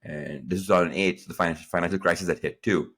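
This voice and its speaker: A man in his late thirties from Pakistan, a guest entrepreneur telling his story in a lively interview, acting out quoted dialogue. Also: fast talker, vocal fry, husky. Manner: animated, acts out quoted dialogue with jumps in pitch.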